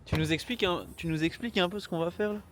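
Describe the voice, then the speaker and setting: A man's voice: high-pitched, very fast, noisy background. A young man in casual, slangy chat, teasing as he talks. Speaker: vlogger.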